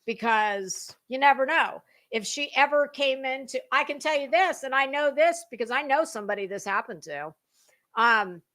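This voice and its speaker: Her voice is high and a bit bright. An American commentator, she reads documents aloud with drama and tosses in casual, gossipy, snarky asides, blunt and theatrically emphatic.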